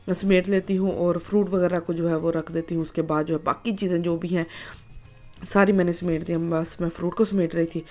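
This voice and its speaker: A woman's voice: fairly low pitch, dark tone. A woman, narrating her home vlog in a chatty way, full of filler phrases. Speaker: vlogger.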